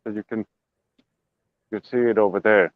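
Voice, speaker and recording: Low-voiced man, dry and a bit dull on a phone mic, chatty and rambling, giving an outdoor walking tour with goofy sound effects. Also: fairly even intonation, normal speed, no echo. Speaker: show regular giving a homestead tour. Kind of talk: casual livestream walking tour. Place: outdoors on a rural property.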